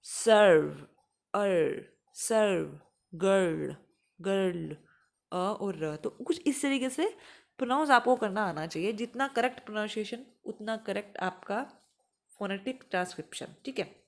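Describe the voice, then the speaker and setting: A young woman teaching exam students, explaining and slowly repeating example words. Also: mid-range voice, lively intonation. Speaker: English teacher for exam prep. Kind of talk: explanatory lesson.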